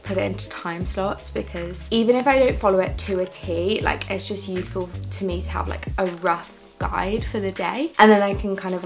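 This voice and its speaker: Young woman, chatty vlog voice-over, lots of "like" fillers, clear music underneath. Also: medium pitch. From England. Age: 20s. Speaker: vlogger. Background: background music.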